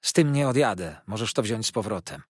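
Guy reading as a shabby sneering con man, insolent, raspy, up and down a lot. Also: lowish voice, lively intonation, fairly quick, dry recording, clean studio sound. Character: shabby, sly, mocking middle-aged man, the aunt's husband. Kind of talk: audiobook character reading.

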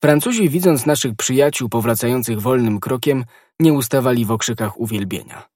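A man narrating a classic adventure novel in a steady, expressive reading. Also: medium pitch, a little fast, no room sound, clean studio sound. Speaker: audiobook narrator. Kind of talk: scripted literary narration.

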